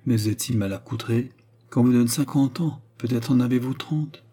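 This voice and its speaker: A man voicing a greedy young courtesan, sharp, impatient and ironic, barely changing his own voice in an audiobook reading. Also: mid-range voice, moderate pace, close to an everyday voice.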